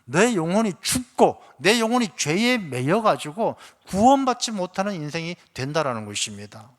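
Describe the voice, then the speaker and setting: A man preaching from the pulpit in a church, his voice sitting a little high for a man. He tells stories with animated swings in his delivery, slipping into the voices of the characters he describes. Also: normal speed. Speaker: pastor. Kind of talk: sermon with storytelling. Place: church sanctuary.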